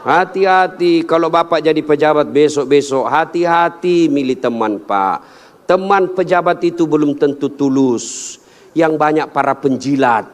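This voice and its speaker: A male preacher gives a humorous sermon at a big religious gathering, telling funny stories and jumping to high-pitched punchlines. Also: normal speed. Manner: jokey, storytelling, animated with sudden high-pitched punchlines.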